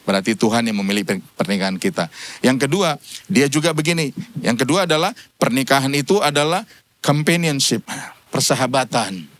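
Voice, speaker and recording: A man's voice: a little high, a bit bright. A man, a pastor, giving a humorous church sermon, telling stories and acting out conversations with his wife, chuckling between points. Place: church service.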